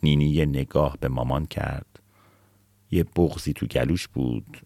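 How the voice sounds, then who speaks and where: A man telling a children's story slowly and gently, sometimes slipping into high voices for the characters. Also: steady tone, gravelly, slightly rough, no room sound. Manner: gentle, slow, does squeaky voices for characters. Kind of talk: bedtime story narration.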